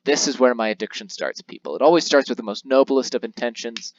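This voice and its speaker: A fast-talking young man with a mid-range voice hosts a let's play of a handheld game, rambling, mocking himself, and acting out the game text in voices. The recording is muffled, with no room sound.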